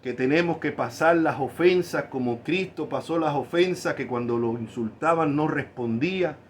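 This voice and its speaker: A man's voice: a little high, normal speed, a little hiss or hum. A man preaching a sermon in church, earnest and confessional, rising to emphatic scripture reading. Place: church service.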